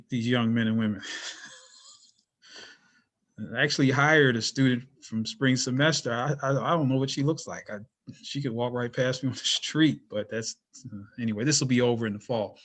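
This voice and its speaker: Halting middle-aged male professor on a video call. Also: medium pitch, a bit bright. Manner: halting, filler-heavy, many restarts. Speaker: geography professor hosting a class presentation. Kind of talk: online presentation introduction.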